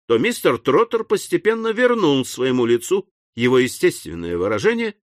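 Narrate as a man telling a comic tale: expressive and dramatic, with your pitch rising and falling freely, recorded close and dry. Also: moderate pace, dry recording. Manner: lively, dramatic reading. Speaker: audiobook narrator.

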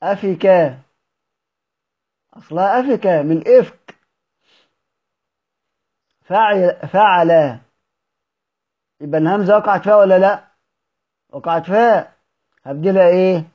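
Man, Egyptian Arabic accent, high voice, recitation teacher, asks and answers his own questions, muffled lo-fi audio. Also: husky. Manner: asks questions and answers them himself, drawing out example words slowly. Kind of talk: recorded lesson.

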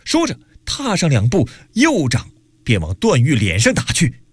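A man narrating a novel on radio and announcing the next program in a highly animated, dramatic way. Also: normal speed, slightly rough, no room sound, studio quality.

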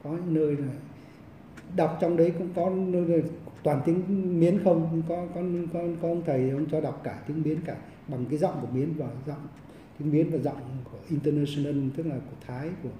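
A Buddhist monk teaches monastic discipline, stumbling through repeated fillers as he goes. His man's voice sits a bit high yet sounds very mellow and dark. The room is echoey and the mic is set some distance away. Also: steady tone, a little hiss or hum. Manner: halting, with many repeated fillers and restarts. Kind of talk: Dharma lecture. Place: monastery hall. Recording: roomy echo, mic at a distance.

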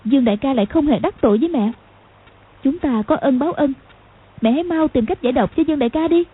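A woman voicing an anxious young daughter in an audiobook reading, pleading urgently in a husky voice. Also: sits high, fast, narrow, tinny audio, voice pushed up, close to an everyday voice.

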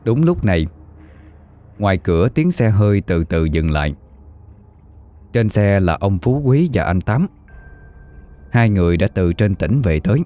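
Deep-voiced male storyteller. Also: very animated, a little slow, pauses often, warm tone, faint music behind. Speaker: narrator. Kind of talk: scripted story narration.

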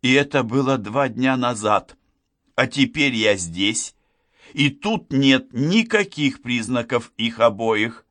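A man reading an audiobook, voicing a guilt-ridden young woman who sobs and apologizes in a halting way. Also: medium pitch, expressive, a bit bright, no echo. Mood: pleading.

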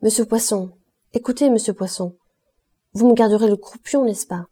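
Woman reads a young woman nagging insistently, husky and dark. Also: fairly high pitch, moderate pace. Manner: insistent, pleading.

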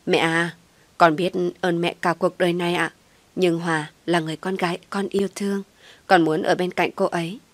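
A woman's voice: fairly low pitch, little pitch movement, moderate pace, no room sound, close to an everyday voice. A woman voicing a coaxing young lover. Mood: coaxing pleading. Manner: coaxing, pleading. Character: devoted young man, coaxing and pleading. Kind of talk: audio story reading.

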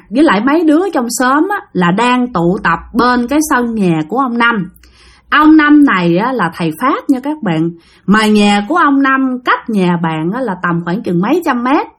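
Woman, casual ghost-story teller, chatty, fairly high voice. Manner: chatty, addresses listeners directly.

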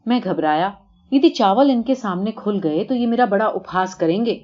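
A woman reading a satirical story aloud in a steady, plain storytelling manner. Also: mid-range voice. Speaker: narrator. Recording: dull lo-fi recording.

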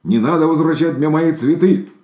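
A man voicing a gentle, earnest bear cub in a storybook, in an echoey room. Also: fairly low pitch, lively intonation, normal speed, pitched above the performer's own voice, lightly acted.

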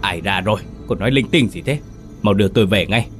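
A deep-voiced man plays a haunted old master, gruff and hoarse, snapping out his orders. It is the plain low voice of the storyteller, barely changed. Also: normal speed, faint music behind. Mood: uneasy.

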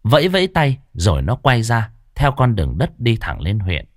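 A man's voice: medium pitch, wildly swooping pitch, normal speed, no echo, clean studio sound. A man narrating a ghost story in a dramatic, storytelling way.

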